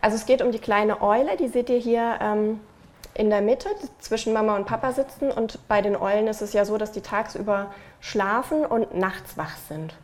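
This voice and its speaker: A German-speaking woman tells a children's picture-book story to listeners, easygoing and chatty. Her pitch sits in an ordinary middle range, and she pauses with frequent fillers as she goes. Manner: relaxed, conversational telling with frequent fillers; speaks the animals' lines in her own voice.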